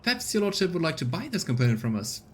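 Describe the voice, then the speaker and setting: A man's voice: fairly high pitch, big pitch swings, fast, slight background noise, pitched above the performer's own voice. A man voicing a tired, proud, plain-spoken woman who leads a scavenger camp in a game, folksy and deferential. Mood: folksy, keen. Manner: earnest, folksy, deferential to nobility. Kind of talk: voiced role-play of game dialogue.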